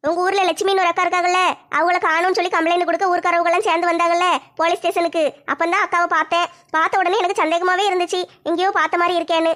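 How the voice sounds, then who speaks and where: A woman playing a warm, talkative middle-aged policewoman, a long-lost sister, telling her story in a homemade comedy skit. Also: very high voice, little pitch movement, rapid-fire.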